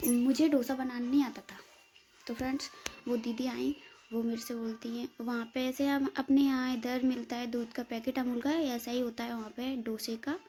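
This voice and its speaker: A woman's voice: on the high side, fairly even intonation, moderate pace, warm tone. A woman from northern India telling a rambling story to her viewers in a casual vlog, often calling them friends. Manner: chatty, rambling, keeps saying "friends" to viewers. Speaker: vlogger.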